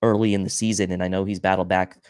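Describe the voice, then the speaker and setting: Low-voiced man breaking down football stats. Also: flat delivery, quick pace, darkish tone, clean tone, no room sound, studio quality. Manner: analytical, rattles off stats. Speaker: podcast co-host. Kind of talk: sports pregame talk show.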